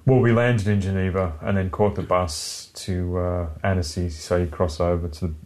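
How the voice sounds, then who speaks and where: A man with a very deep voice co-hosts a chatty podcast. He talks in a loose, sardonic way, dropping swear words freely. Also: steady tone, normal speed, a little mellow. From Britain. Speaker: podcast co-host. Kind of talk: casual chat.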